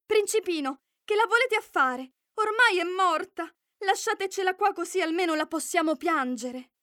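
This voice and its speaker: A woman's voice: very high-pitched, animated, normal speed, pushed and bright, dry recording, studio quality, pitched above the performer's own voice, heavily acted. A woman doing fussy little dwarves. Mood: pleading. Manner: pleading, fussy. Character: small fretful protective male dwarves.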